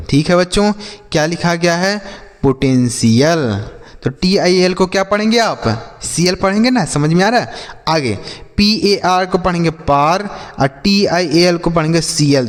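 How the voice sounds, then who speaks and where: Male phonics teacher, slightly high voice, patient drilling, long echo. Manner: patient, repeats questions and answers to drill pupils. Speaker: English teacher. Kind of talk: classroom-style phonics lesson. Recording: long hall reverb.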